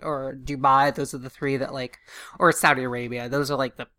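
A woman's voice: rumbling low, flat delivery, a little fast, bright, forceful tone. A woman co-hosting a podcast, chatting casually and correcting herself as she thinks aloud. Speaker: podcast co-host.

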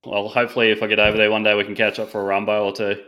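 A man's voice: fairly low pitch, little pitch movement, racing, pushed and bright. A man with an Australian accent chatting casually as a podcast host, easygoing and matey. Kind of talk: casual interview chat.

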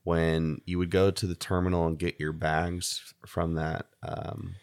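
A young American man co-hosting a casual podcast in a halting, jokey way, often restarting his sentences. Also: deep voice, flat delivery, clean tone. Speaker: podcast co-host. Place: home studio in a house.

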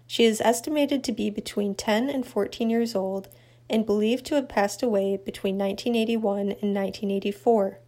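A woman narrating a true crime update in an even, matter-of-fact scripted read. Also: mid-range voice, moderate pace.

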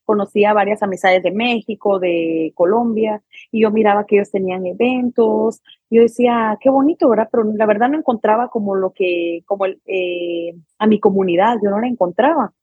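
A woman with a Guatemalan accent, a podcast guest telling her stories in a lively way and acting out the people in them. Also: mid-range voice, moderate pace, dry recording, phone-quality sound. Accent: Guatemalan Spanish. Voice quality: husky. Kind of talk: conversational storytelling.

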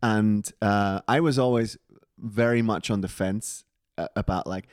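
A Swiss man co-hosts a podcast, telling stories animatedly in a casual chat laced with lots of swearing. His fairly low voice is unhurried, and the studio recording is clean with no echo.

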